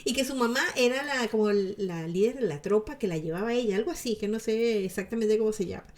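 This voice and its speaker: A woman's voice: medium pitch, fast, a little mellow. A woman giving chatty, sarcastic commentary to her viewers, laughing often. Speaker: celebrity gossip vlogger.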